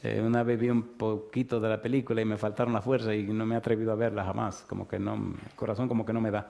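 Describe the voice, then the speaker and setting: A man with a Dominican accent preaching a sermon. He keeps asking his listeners yes-or-no questions and moves between loud, emphatic lines and quiet, hushed ones. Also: on the low side, level tone, fast talker, vocal fry. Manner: asks the audience rhetorical yes-or-no questions, swings from loud to hushed.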